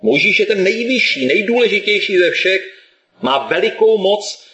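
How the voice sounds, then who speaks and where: A male preacher giving a sermon in a lively, colloquial storytelling manner. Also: sits high, roomy sound.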